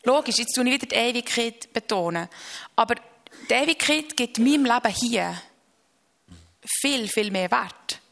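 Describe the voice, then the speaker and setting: A woman, speaking earnestly and reflectively about her faith as an interview guest, with halting restarts and slow emphasis on key phrases. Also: fairly high pitch, animated, gravelly, fairly bright tone.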